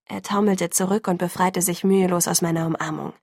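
A woman reading a novel aloud in the first person, in a soft, intimate audiobook narration. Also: fairly low pitch, steady tone, brisk, no room sound, studio quality.

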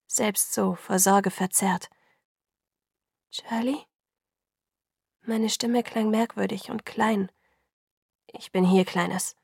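Female audiobook narrator, hushed, subdued, slips into whisper; dry, close recording. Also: mid-range voice, vocal fry, dry recording. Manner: subdued, often drops to a whisper. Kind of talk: scripted narration.

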